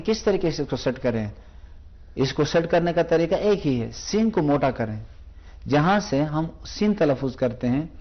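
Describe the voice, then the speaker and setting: The recording is muffled: a man with a fairly high voice teaches Quran recitation on television, patiently going over pronunciation and slowly repeating each sound to show how it's done.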